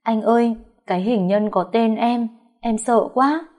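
A woman's voice: a little high, normal speed, mellow, voice pushed up, close to an everyday voice. A woman voicing a frightened young pregnant woman who pleads and whimpers. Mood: tearful.

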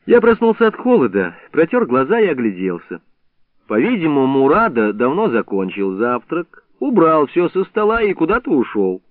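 A man's voice: a little high, moderate pace, no room sound. A man reading a first-person literary story aloud, recorded dry with a narrow, phone-like sound. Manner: expressive, storytelling. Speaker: audiobook reader.

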